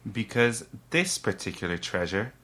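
A man voicing a small, sly and patient male leprechaun in an audiobook, talking slowly and correcting others. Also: fairly low pitch, full character voice. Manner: lively, drawn-out, correcting. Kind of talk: audiobook character voice.

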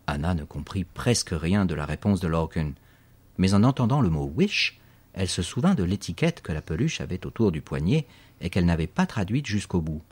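Narrator: man, deep-voiced and breathy, expressive storybook reading. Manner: expressive reading, spells words out slowly. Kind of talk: audiobook narration.

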